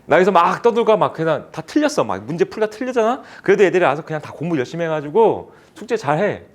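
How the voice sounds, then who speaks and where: Male cram-school math tutor, casual and teasing, animated delivery. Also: on the high side, fast. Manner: chatty, teasing students, casual speech. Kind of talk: classroom lecture with banter.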